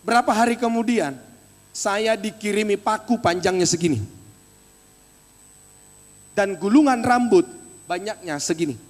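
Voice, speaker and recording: A male pastor preaching an animated, exhorting sermon, speaking directly to the congregation in a church. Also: sits high, a little slow, long pauses. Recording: echoey church hall.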